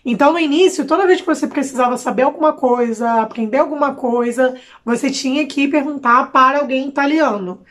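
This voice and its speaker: Chatty young Brazilian woman, high voice. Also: fairly quick. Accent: Brazilian Portuguese. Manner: chatty and expressive, with slang asides. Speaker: vlogger. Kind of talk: casual chat to camera.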